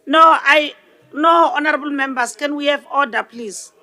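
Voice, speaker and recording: A man with a South African accent presiding as speaker over a legislature, calling loudly for order. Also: very high voice, moderate pace. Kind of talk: formal parliamentary chairing.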